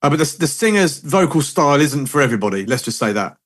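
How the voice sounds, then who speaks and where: A man's voice: on the high side, very animated, quick pace, fairly bright tone. A man, hosting a podcast and telling rambling, chatty anecdotes in casual conversation. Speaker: podcast host. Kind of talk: casual chat.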